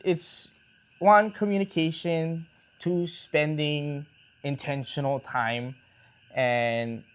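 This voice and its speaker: A man co-hosting a relaxed talk show with his partner, rambling casually with restarts and easygoing slang. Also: mid-range voice. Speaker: co-host of a couple's talk show. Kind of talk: casual chat.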